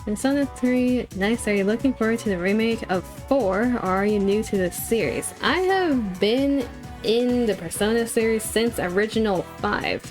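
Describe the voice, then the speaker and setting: Female VTuber streamer, cute and bubbly, very lively intonation, chatting live over game music. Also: fairly high pitch, moderate pace. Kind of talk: live game stream chat, greeting viewers. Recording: music in the background.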